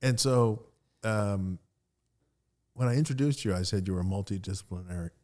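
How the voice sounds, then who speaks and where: A man's voice: on the low side, moderate pace, a little mellow. A man hosting a casual interview, asking questions hesitantly with many fillers. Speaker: podcast host.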